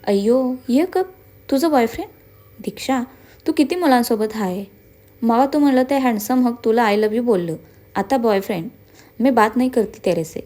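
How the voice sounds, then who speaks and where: Woman doing an excitable young storybook chatterbox, high and loud, mixing in English. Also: takes it slowly, faint music behind. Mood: whiny. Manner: bubbly, mixes languages and English phrases. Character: excitable young woman with South Indian mixed speech.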